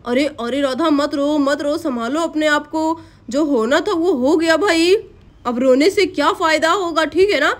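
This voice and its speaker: A gentle, worried village father, played by a woman in a cartoon story. His voice sits high and he keeps reassuring his family in a soft, soothing way. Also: a little slow. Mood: consoling. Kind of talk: Hindi cartoon story voice acting.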